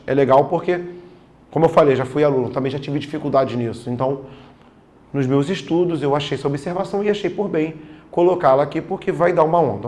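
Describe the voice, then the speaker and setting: A man's voice: a little high, a little mellow. A man teaching a grammar lesson for exam prep in a casual, slangy way, often checking in with his students.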